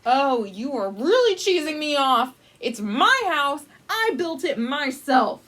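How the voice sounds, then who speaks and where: Woman reading as an exasperated high-voiced storybook alligator. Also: sing-song, slow pace, a bit bright, exaggerated voice. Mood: defensive. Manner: irritated, matter-of-fact complaining. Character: exasperated, grumpy alligator who just wants peace. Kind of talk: storybook read-aloud dialogue.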